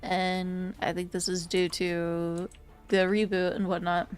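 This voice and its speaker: A woman's voice: lowish voice, little pitch movement, slow pace, clear, resonant tone, faint music behind. A woman in her twenties chatting casually with her stream viewers, rambling and giggly with lots of fillers. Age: 20s. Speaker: VTuber streamer.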